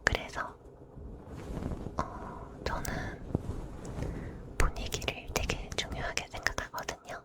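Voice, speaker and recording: A woman speaks entirely in a breathy whisper, as in an ASMR video. She chats casually and politely, addressing her listeners softly as the host. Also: slow pace, long pauses.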